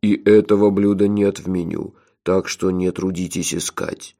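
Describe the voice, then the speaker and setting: Brief: male reader as a low, creaky, ceremonious tavern keeper. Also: little pitch movement, normal speed, dark tone. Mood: formal. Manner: formal, ceremonious, unsmiling. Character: pompous, gloomy innkeeper-chef man. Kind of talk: audiobook character voice.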